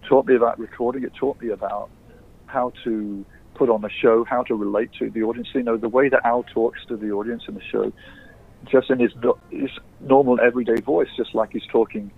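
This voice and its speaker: A man from England, a guest musician, telling stories in a relaxed, plain way. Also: medium pitch, fairly quick, gravelly, slightly rough. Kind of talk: casual interview chat. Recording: tinny phone-like line.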